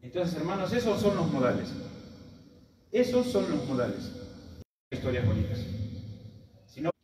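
A man's voice: fairly high pitch, sing-song, normal speed, a little mellow. Preacher guy telling stories, asks the room questions over and over, sounds far off, faint hum behind. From Peru. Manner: storytelling with repeated rhetorical questions. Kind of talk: sermon to a gathering. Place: gathering room. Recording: echoey room, mic from far off.

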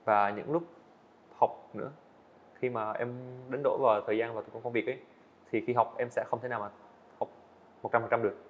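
Here a young male animation student fields interview questions on an indoor studio set with fast, sincere, casual speech full of small restarts. His mid-range voice holds a steady tone, though the audio is narrow and tinny.

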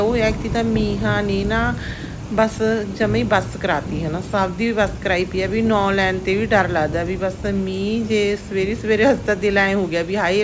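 A woman's voice: medium pitch, background noise. A middle-aged woman with a Punjabi accent narrates a casual home vlog in a chatty, homely way, often tagging her phrases with a small question. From Punjab, India. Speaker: family vlogger.

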